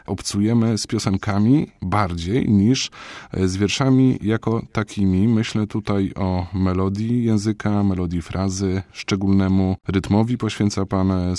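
Low-voiced man asking long questions. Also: a little mellow, no room sound. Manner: long, elaborate questions with frequent hesitations. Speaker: interviewer. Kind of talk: cultural radio interview.

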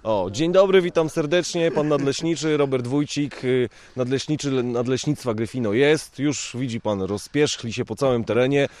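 A man's voice: mid-range voice, normal speed, few pauses, darkish tone. A man reporting for radio outdoors at a photo outing, chatty and friendly, speaking to listeners. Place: outdoors in a park in autumn rain.

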